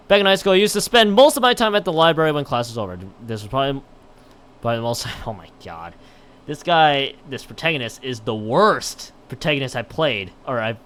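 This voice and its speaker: Medium in pitch, a bit bright and clean in tone, a man's voice carries a visual novel read-aloud on a live game stream. He keeps stumbling, repeating words, and muttering exasperated remarks.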